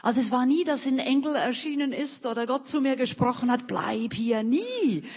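Husky-voiced woman recounting hard times. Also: high-pitched, lively intonation, moderate pace, darkish tone, in a large hall. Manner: earnest, emotional, many restarts. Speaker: missionary and author, interview guest. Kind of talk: interview, personal storytelling.

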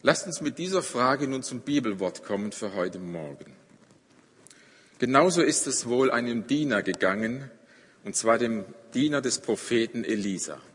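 Husky male preacher in a reverberant church. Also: mid-range voice, expressive, moderate pace. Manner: dramatic storytelling with swings between loud and hushed. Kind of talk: sermon.

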